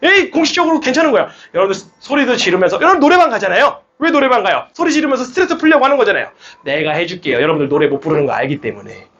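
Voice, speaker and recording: Lively, high-voiced male math teacher. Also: rapid-fire, few pauses, muffled recording, a little hiss or hum. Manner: lively, coaxing, rallies students with shouts. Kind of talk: classroom lecture. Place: classroom. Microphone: speaker amplified mic.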